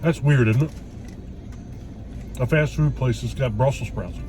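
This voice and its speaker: A vlog host sits inside a car, chewing food as he rambles casually to the camera, teasing and swearing. His mid-range voice is a little slow and a little mellow, with faint music in the background.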